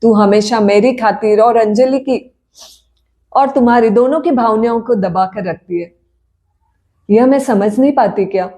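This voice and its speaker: A woman voicing a frail, loving elderly mother-in-law who speaks weakly and gently. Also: fairly high pitch, a little slow, close to an everyday voice. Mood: tender. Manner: weak, soft-spoken.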